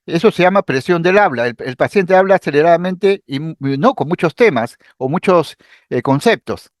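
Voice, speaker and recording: Male lecturer, bright high voice, dry close sound, clear explanatory teaching manner. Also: moderate pace, dry recording. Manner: explanatory, acts out patient speech examples; lively intonation, occasional fillers and restarts. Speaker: psychiatry lecturer. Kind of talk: recorded medical lecture.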